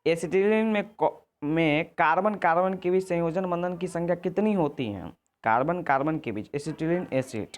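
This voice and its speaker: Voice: medium pitch, darkish tone. A teacher going through exam answers, repeating points and often correcting themself. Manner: repetitive, often self-correcting with "sorry"; checks in with "ठीक है" and "आगे देखिए". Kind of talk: exam answer walkthrough lesson.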